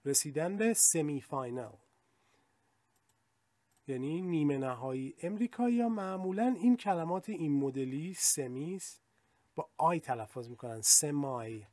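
A man teaching English vocabulary, explaining in casual talk and reading example sentences slowly and carefully. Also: fairly high pitch, animated, mellow, no echo. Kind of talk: vocabulary lesson in Persian.

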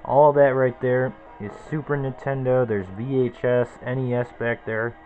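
A man's voice: medium pitch, level tone, normal speed, narrow, tinny audio, soft background music. A man in his twenties giving a casual, rambling tour of his small cluttered bedroom, naming objects one after another into a handheld camera. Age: 20s. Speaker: vlogger. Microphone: handheld camera close to the face.

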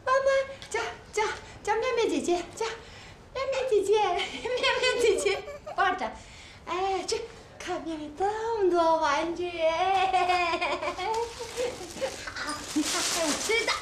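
A woman's voice: very high-pitched, slow, long pauses, background noise. An actress playing a chatty, doting grandmother who coaxes and fusses, in a TV drama. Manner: chatty, coaxing, bursts into flustered panic. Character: doting, fussy grandmother, older woman. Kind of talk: TV drama acting. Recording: echoey room with loud music behind.

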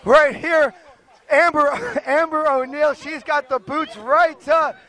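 A man's voice: very high voice, steady tone, slow pace, pushed and bright. A man calling a wrestling match play-by-play, joking and bantering with his co-commentator.

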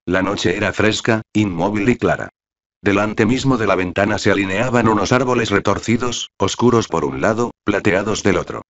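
A man narrating a classic novel as an audiobook, reading in a measured, steady way. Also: lowish voice. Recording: dull lo-fi recording.

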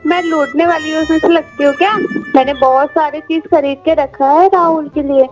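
High-pitched young woman, teasing sulky gamer banter over game music. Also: fairly even intonation, normal speed. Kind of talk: casual gaming chat.

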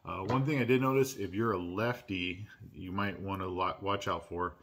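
A man hosting his own channel, unboxing and reviewing a pocket knife in a relaxed, chatty way with lots of "uh"s and restarts. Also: sits low, moderate pace. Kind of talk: casual unboxing and product review. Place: at home.

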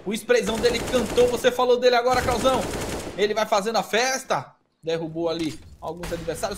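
A man with a Brazilian accent calling esports play-by-play, with rapid excited calls that break into shouts. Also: sits high, slight background noise. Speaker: play-by-play caster.

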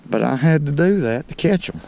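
His voice runs a little high, animated and creaky with a darkish tone, as this middle-aged North Alabama man with a Southern American accent fishes from a small boat on a lake. As a fishing channel host, he chats unhurriedly and folksily, calling viewers "folks." A head-mounted action camera records him with slight background noise.

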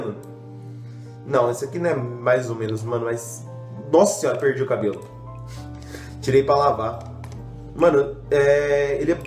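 A young adult man, a gaming YouTuber, rambles casually over gameplay, packing his commentary with slang and jokes at his own expense. He's a bit congested from a cold. His mid-range voice sounds reverberant.

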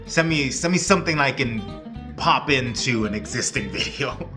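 A man talks through a loose, rambling vlog, often stopping himself and laughing at his own slips. His voice sits at an ordinary middle pitch. Guitar music plays clearly behind him. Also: lively intonation, a little slow. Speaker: vlogger.

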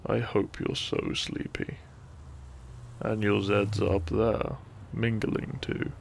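In a soft, breathy, near-whisper ASMR style, a male sleep-aid narrator reads a soothing bedtime story very slowly. His fairly low voice has heavy vocal fry and a flat delivery, and a bit of faint background noise lies beneath it.

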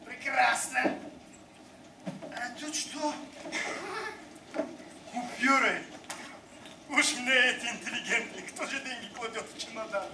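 Man acting high-pitched tipsy city traveller, echoey stage. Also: steady tone, slow, pauses often, exaggerated voice. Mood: breezy. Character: chatty, tipsy, generous city traveller, theatrical. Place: theatre stage, indoors. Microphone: far camera in the audience. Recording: noisy, echoey theatre stage from far off.

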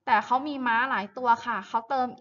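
A woman teaching English to young primary students, explaining in Thai and reading English lines slowly for the class to repeat. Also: fairly high pitch, fairly even intonation, a bit bright, muffled recording. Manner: explains in Thai, reads English sentences slowly and clearly for repetition. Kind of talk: online lesson, reading aloud for students to repeat.

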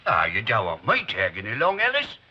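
A man's voice: on the low side, wildly swooping pitch, brisk. An actor playing a breezy, matey middle-aged Cockney man in a television drama, cheery and colloquial. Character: breezy, matey working-class London man. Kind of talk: 1960s television drama acting. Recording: dull old TV soundtrack, hiss.

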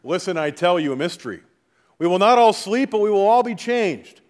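A middle-aged man speaking as a pastor at a funeral, reading liturgy and prayers in a solemn, measured, formal way. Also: high-pitched, lively intonation, darkish tone. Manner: solemn, measured, formal delivery with falling phrase endings. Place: large church sanctuary, indoors before a congregation. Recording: reverberant church hall.

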